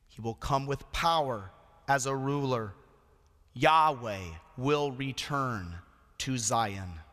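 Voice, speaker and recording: A man preaching a solemn sermon with a hoarse, strained voice and deliberate, emphatic pauses. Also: medium pitch, fairly bright tone. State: hoarse, voice nearly lost. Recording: long echoing hall reverb.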